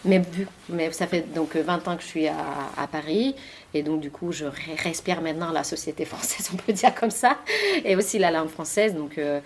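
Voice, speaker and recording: An author and journalist from Finland, a woman in her forties, takes questions at a library talk in a meeting room. She speaks French as a second language with a Finnish accent, filling her answers with fillers and restarts, in a low voice at normal speed amid slight background noise.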